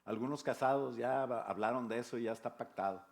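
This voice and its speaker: A man's voice: medium pitch, fast, gravelly, a little mellow. An older man with a Mexican Spanish accent, a pastor preaching a sermon in a conversational way, with rhetorical questions and jokes. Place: church.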